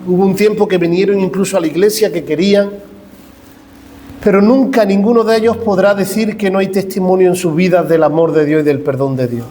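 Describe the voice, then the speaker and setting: A man's voice: sits high, fairly even intonation, fairly quick, mellow. A man preaching a fervent personal testimony as a pastor, speaking straight to his congregation. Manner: fervent, dramatic, addresses congregation directly. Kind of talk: sermon testimony. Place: church.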